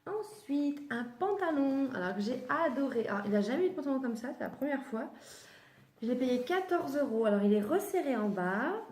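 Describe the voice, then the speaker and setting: She's high-pitched and animated, talking fairly fast with a somewhat dark tone as she presents kids' clothing in a haul video. Self-corrections pop up often mid-sentence, and the room has noticeable echo.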